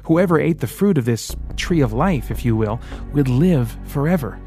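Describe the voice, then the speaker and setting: A man doing a calm, mysterious mentor. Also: medium pitch, soft background music, close to an everyday voice. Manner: measured, mysterious explaining.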